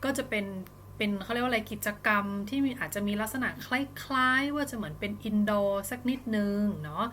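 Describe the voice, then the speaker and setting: A Thai woman teaching an online English lesson, speaking English slowly and carefully between quick, chatty explanations. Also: mid-range voice, a bit bright, a little hiss or hum.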